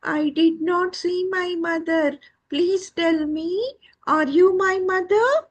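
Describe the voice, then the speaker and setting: A woman voicing a small lost baby chick searching for its mother, in a squeaky, pleading way. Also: slow pace.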